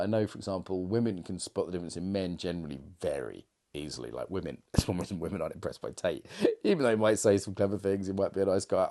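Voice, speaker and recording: This middle-aged man has a deep, mellow voice and coaches on confidence in a casual monologue to camera. He rambles and reflects, often using fillers and restarting his sentences.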